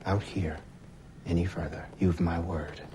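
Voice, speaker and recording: A smooth, deep-voiced corporate manager. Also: male voice, a little hiss or hum. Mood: coolly formal. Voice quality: calm, measured and formal. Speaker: company manager.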